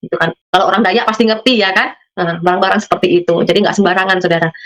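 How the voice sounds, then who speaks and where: Her mid-range voice holds a steady tone, moving fast and sounding fairly bright. This Madurese woman from Indonesia is a testimony guest narrating her religious experience, performing the other people's voices and regularly speaking directly to those listening.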